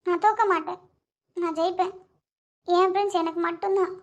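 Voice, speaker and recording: A woman's voice: very high voice, fairly even intonation, brisk, highs cut off. A woman voicing a lovesick, stubborn young woman in a cartoon, talking emotionally and pleading through tears. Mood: heartbroken.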